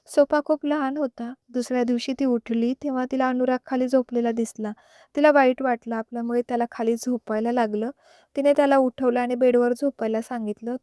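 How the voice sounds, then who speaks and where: A woman narrating a serial story in a steady, unhurried reading voice, close to the mic. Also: high voice, no echo.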